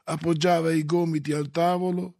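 A man narrating a classic novel for an audiobook in a measured, solemn way. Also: a little high, flat delivery, vocal fry, dark tone.

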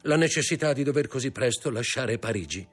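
A man voicing a grave, nervous older male impostor in an audiobook, with a husky voice. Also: medium pitch, animated, a little fast, soft background music, pitched above the performer's own voice. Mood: formal. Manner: grave, stiff, formal.

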